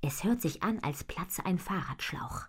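A woman narrates a children's audiobook in a low, husky voice, keeping her telling hushed and half-whispered. Her melody moves widely up and down as she reads. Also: expressive, unhurried. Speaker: storyteller.

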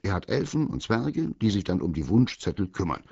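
A man's voice: deep voice, sing-song, a little fast, vocal fry, darkish tone, husky, dry recording, lo-fi sound, voice pushed up, heavily acted. A man voicing a small, eager male teddy bear who always knows a way out. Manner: eager, confident, upbeat.

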